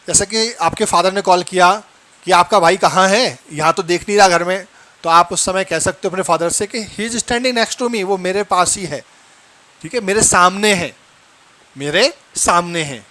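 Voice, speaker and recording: A man teaching English, drawing out each example sentence slowly and repeating it before explaining. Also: high voice, pushed and bright. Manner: slow, drawn-out English example sentences between Hindi explanations. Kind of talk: Hindi-language English lesson.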